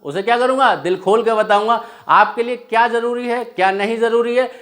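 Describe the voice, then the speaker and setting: A man's voice: very high voice, brisk, fairly bright tone. A man teaching an exam-prep lecture, who keeps asking rhetorical questions and answering them himself while urging students on. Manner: asks a question then answers it himself, exhorting. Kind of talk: classroom lecture with call-and-response questions. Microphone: whiteboard lecture recording.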